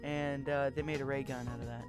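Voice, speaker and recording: A man's voice: medium pitch, level tone, brisk, music in the background. A young man co-hosting a podcast, explaining a story in an offhand way with throwaway asides. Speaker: podcast co-host. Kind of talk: casual group chat.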